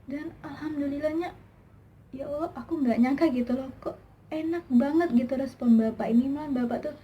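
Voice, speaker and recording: A woman's voice: high voice, a little fast. A young woman vlogger telling a personal story in a chatty, emotional way, with many fillers. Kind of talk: personal testimony vlog. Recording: slightly dull lo-fi sound with faint background hiss.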